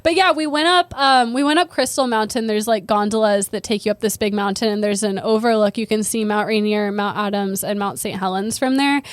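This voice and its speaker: A woman's voice: medium pitch, a little fast, few pauses, no echo. A woman with a Valley girl American accent and a "like"-peppered manner, co-hosting a podcast and telling a story conversationally. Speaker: podcast co-host.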